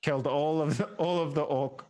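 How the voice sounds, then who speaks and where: A man's voice: a little high, fairly even intonation, a little fast, dark tone. Tentative man playing a tabletop game. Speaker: tabletop role-play player. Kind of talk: casual in-character game chat.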